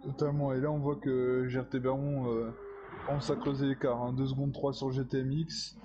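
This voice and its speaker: A man's voice: medium pitch, little pitch movement, a little fast. A man giving live analysis as a motorsport commentator on a sim race, on a lo-fi, noisy recording. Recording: dull lo-fi sound, clear noise.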